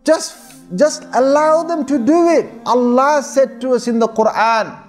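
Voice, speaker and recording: A man's voice: very high-pitched, measured pace, soft background music. A male preacher giving an informal sermon. He speaks earnestly, repeats himself often, and uses many fillers. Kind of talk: informal sermon to a young audience.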